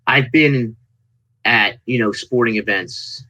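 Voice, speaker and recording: A man chatting casually as an interview guest, telling stories in an animated way and acting out people's reactions. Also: mid-range voice, takes it slowly, rough recording. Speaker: interview guest, indie wrestling performer. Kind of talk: casual interview chat, anecdotes.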